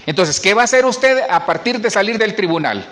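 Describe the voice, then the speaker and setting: A man's voice: high-pitched, lively intonation, a little fast, fairly bright tone. A middle-aged man, a pastor preaching a sermon in church and asking the congregation questions. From Honduras.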